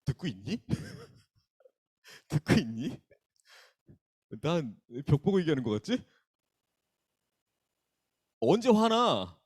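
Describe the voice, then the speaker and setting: A young man leads a youth worship gathering in a church hall, teasing the students and asking them questions one by one. His voice sits a little high and leaps around a lot as he banters. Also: wildly swooping pitch, slow pace, long pauses, husky. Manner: bantering, teasing, calls on listeners by name. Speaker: youth pastor. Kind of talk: casual sermon opening with audience questions.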